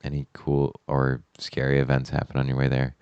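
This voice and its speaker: A young podcast co-host with an extremely low, completely flat, darkish voice speaks briskly, his tone clean with no room sound, though the recording is dull and lo-fi. Slightly under the weather, he's easygoing and chuckling as he steers the segments of a casual chat podcast.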